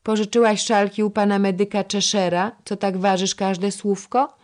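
A narrator voicing a sharp-tongued young lady-in-waiting who speaks shrilly and mockingly, in a historical storybook. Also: medium pitch, very animated, unhurried, pitched above the performer's own voice.

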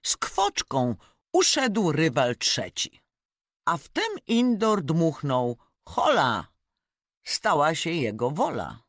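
A reader reciting rhyming fables aloud in an expressive, rhythmic way. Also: mid-range voice, slow, no room sound, clean studio sound. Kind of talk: reading verse fables aloud.

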